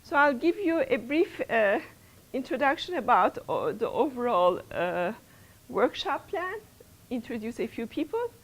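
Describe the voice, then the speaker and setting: A woman's voice: a little high, sing-song, a little slow, poor audio. A middle-aged woman, a research center's principal investigator, opening a workshop lecture in a lecture room, hesitant with many fillers and restarts.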